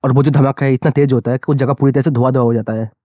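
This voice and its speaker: A man narrating a manga story recap in a brisk, conversational way. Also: medium pitch, steady tone, mellow, dry recording, studio quality.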